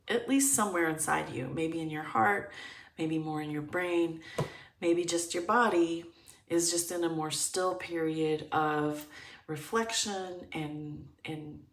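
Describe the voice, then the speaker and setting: A woman leads a pick-a-card tarot reading in a low, unhurried voice. She thinks out loud, stopping to search for words while staying upbeat. Her voice is recorded a little away from the mic in an echoey room. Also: distant mic. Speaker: tarot reader.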